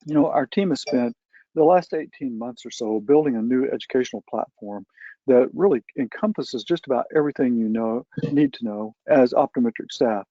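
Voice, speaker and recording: A man moderating a panel discussion, asking questions in a measured way with hesitant fillers. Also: medium pitch, warm tone, no room sound, lo-fi sound.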